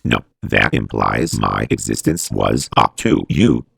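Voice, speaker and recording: Deep gravelly robot voice. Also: male voice, animated, a little slow, fairly bright tone, no echo, heavily acted. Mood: calm. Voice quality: very deep, gravelly and hard to understand. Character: calm, reasoning male robot. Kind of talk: played from a watched video.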